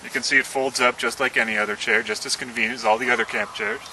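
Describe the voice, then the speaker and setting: A man, the inventor, presenting and demonstrating his product in an earnest pitch, talking through each movement. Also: fairly even intonation, quick pace, bright, forceful tone. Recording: slightly distant mic, faint outdoor noise.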